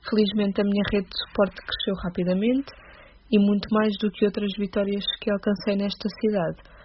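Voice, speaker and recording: Flat-voiced Portuguese woman reading aloud. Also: medium pitch, moderate pace, slight background noise. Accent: European Portuguese. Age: 20s. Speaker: guest giving a testimony. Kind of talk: reading a prepared testimony. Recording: dull lo-fi recording.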